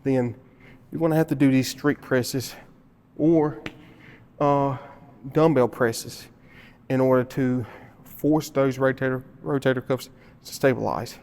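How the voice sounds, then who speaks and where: A man talks through his shoulder workout in a gym, slightly winded from a cold. He repeats himself to drive points home, in an ordinary mid-pitched voice picked up by the camera mic. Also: steady tone, unhurried, darkish tone. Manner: explains with repetition, grunting effort between sets. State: out of breath. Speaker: fitness vlogger. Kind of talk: casual gym explanation.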